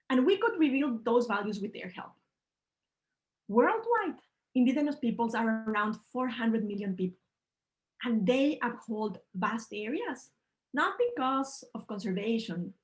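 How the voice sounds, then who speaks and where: Speaking a little high, an Ecuadorian woman presents earnestly in an online panel talk. Her pace is measured and her phrasing slightly non-native. The video-call audio is poor.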